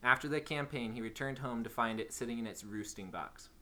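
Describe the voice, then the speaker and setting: A man co-hosting a casual podcast, reading out trivia facts in a measured, deliberate way. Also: mid-range voice, pushed and bright. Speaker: podcast co-host.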